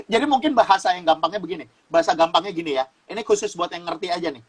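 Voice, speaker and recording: A man's voice: sits high, lively intonation, fast, husky, poor audio. A man from Sumatra teaching in a casual talk show, explaining like a preacher, repeating phrases and laughing as he goes. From Sumatra, Indonesia. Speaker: guest youth speaker.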